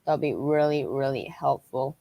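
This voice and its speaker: A woman hosting a livestream as a weather tracker, talking through storm updates unscripted in a halting, repetitive way. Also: a bass voice, gravelly, mellow, dry recording.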